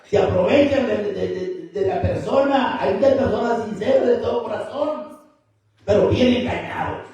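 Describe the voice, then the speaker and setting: A man with a strikingly high yet mellow voice preaches an emphatic sermon, turning again and again to his listeners as brother. He is recorded from a distance in a very echoey church hall. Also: moderate pace, muffled recording. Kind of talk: Spanish-language church sermon. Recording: very echoey hall, mic far off.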